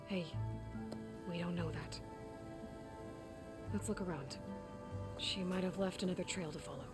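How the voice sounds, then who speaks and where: A steady, resolute young huntress from a video game, voiced by a woman, talking in a calm, practical way. Loud game music runs under the dialogue. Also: lowish voice, a little slow, natural voice.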